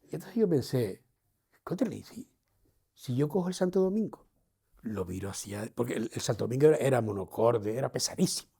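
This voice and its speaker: A husky, medium-pitched voice with vocal fry and a fairly quick pace carries this Canarian-accented performance. The actor plays a proud older Canarian man on a theatrical walking tour, narrating his own life straight to the listeners with lively pride.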